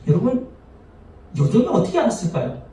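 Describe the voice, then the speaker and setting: A male pastor delivers a sermon in a high, mellow voice, often turning to the congregation with rhetorical questions and playing out the quoted lines. He stands well back from the microphone. His voice rings through a very reverberant church hall. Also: sing-song, a little fast, a little hiss or hum. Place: church sanctuary. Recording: very echoey hall, voice from far off.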